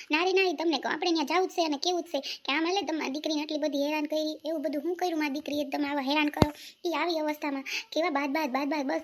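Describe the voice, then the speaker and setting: A voice actor putting on a protective middle-aged mother who chides and comforts her daughter. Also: sits high. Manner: quick, chiding, comforting. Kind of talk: Gujarati cartoon voice acting.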